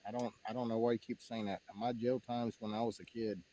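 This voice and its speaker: A man's voice: mid-range voice, level tone, a little fast, a crowd in the background. A man hosting a livestream, blunt and defensive as he chats casually. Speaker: livestream host. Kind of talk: casual chat.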